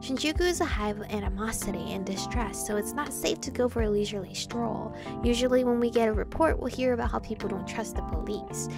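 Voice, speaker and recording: A young adult woman hosting a gaming video gives chatty, playful let's play commentary and reads game dialogue aloud over game music. Her voice sits on the high side, brisk and creaky, with few pauses.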